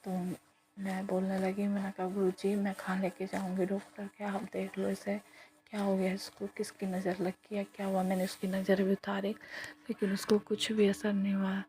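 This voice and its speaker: Flat-voiced woman telling a devotional testimony. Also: medium pitch, moderate pace. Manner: flat, even storytelling with soft whispered asides.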